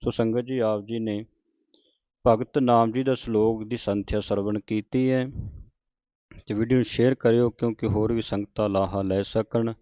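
A man with a Punjabi accent teaching scripture pronunciation, reading lines slowly and correcting each word in a measured way. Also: fairly low pitch, fairly even intonation, dark tone, dry recording. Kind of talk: recitation lesson, slow chanted readings. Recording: dull, lo-fi dry sound.

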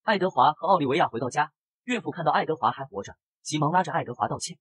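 Man, comic recap narrator, very fast, husky breathy voice, lively pitch, dry close mic. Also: no echo. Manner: brisk storytelling. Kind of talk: scripted narration.

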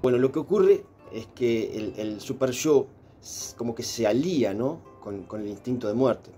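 Man, explanatory talk, halting with fillers, mid-pitched voice, soft guitar underneath. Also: lively intonation. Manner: hesitant, many filler sounds and tag questions. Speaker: presenter explaining philosophy. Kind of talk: explanatory monologue.

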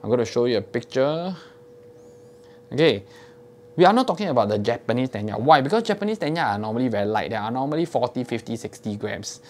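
A man's voice: medium pitch, big pitch swings, fast talker. Man, 30s, Singaporean English accent, casual fishing tutorial, step-by-step, keeps asking okay, lapel mic, small indoor studio. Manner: demonstrates gear with his hands while talking. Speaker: fishing tackle shop host.

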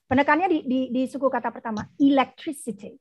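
A woman teacher with an Indonesian accent gives a lesson over the radio, speaking slowly and carefully so children can repeat after her. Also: high voice. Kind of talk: bilingual reading lesson on radio. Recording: dull, lo-fi radio broadcast.

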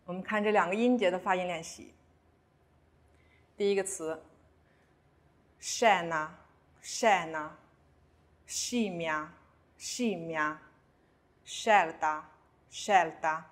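A woman giving a beginner pronunciation lesson. She explains how to shape each sound, then says each example word slowly and twice. Her pitch sits in the middle range. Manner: slow, careful modeling of sounds with repeats. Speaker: language teacher.

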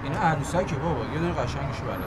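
Man playing a gentle, indulgent father. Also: a little high, heavy background noise, lightly acted. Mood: placating. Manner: gentle, placating. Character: indulgent, soft-spoken father.

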